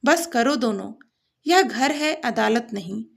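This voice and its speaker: A woman plays a young husband keeping the peace in a storybook tale. He speaks firmly and slowly, in a voice left fairly high. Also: gravelly, heavily acted. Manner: firm, calming.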